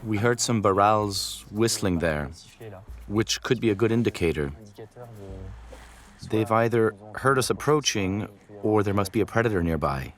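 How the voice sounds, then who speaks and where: A man speaks in a fairly low voice, explaining things as a wildlife photographer would. The style is nature documentary commentary. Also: expressive, measured pace.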